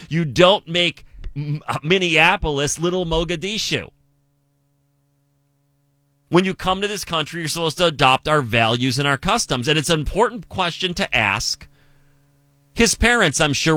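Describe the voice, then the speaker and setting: A man from the United States hosts a political commentary show, speaking emphatically and asking rhetorical questions. His voice is a little high with a sharp tone, and the recording is dry.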